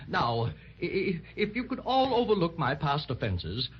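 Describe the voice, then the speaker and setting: An actor playing a centuries-old patchwork dragon, theatrical and ingratiating, with florid, melodramatic pleading in 1930s children's radio style. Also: male voice, fairly high pitch, big pitch swings, unhurried, slight background noise. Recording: muffled 1930s radio transcription recording.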